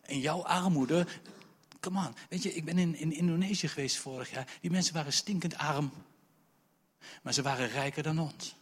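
A man preaching a sermon, telling the story in a lively, colloquial way. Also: on the high side, normal speed, husky, long reverb tail. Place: church.

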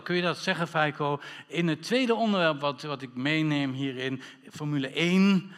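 A man leads a church sermon as its pastor. His voice sits a little high and stays lively, full of wordplay and calls for amen. The recording carries the long reverb of a church hall.

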